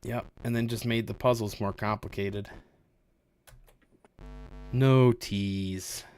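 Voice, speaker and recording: A man's voice: fairly low pitch, slow. A man hosting a retro computer stream, chatting casually and reacting while he plays a game. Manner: lively, chatty, exclaims while playing. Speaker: stream host.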